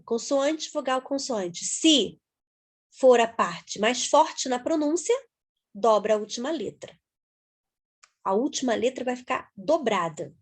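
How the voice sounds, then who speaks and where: A woman teaching English grammar to viewers, patiently spelling words out letter by letter. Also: fairly high pitch.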